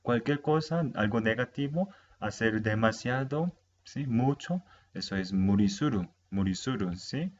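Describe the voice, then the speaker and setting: A man teaching a language lesson in a casual video, slowly repeating words for learners to say after him. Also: mid-range voice, lively intonation, highs cut off.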